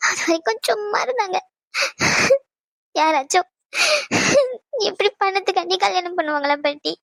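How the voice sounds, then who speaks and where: A woman's voice: very high-pitched, normal speed, vocal fry, fairly bright tone, no echo, exaggerated voice. A woman voicing an upset young married granddaughter in a cartoon, talking in a hurt, pleading way. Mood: tearful. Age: young adult. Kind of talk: cartoon voice acting.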